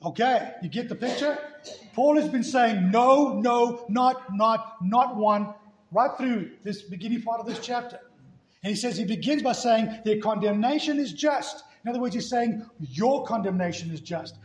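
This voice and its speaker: Preaching in an echoey church, a man with an extremely high-pitched voice speaks at a moderate pace. He is emphatic, striking key words repeatedly with ever-rising force.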